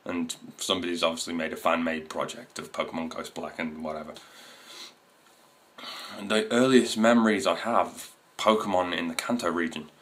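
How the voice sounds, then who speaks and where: Casting: twenties male vlogger, low voice, loose, meandering chat to camera. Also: steady tone, normal speed. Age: 20s. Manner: rambling, many fillers and restarts. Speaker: video host. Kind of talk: casual to-camera talk. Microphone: camera mic.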